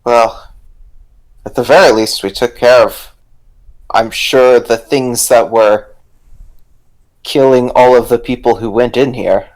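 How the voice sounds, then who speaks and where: A man's voice: mid-range voice, steady tone, takes it slowly, pauses often, poor audio. A man playing a tabletop game, speaking hesitantly and apologetically. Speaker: player.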